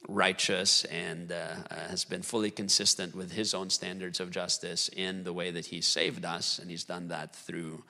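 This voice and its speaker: Guest theologian, male, bright gravelly low voice, halting and thoughtful. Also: big-room sound. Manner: thoughtful, many fillers, lively laughs. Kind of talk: casual theological discussion.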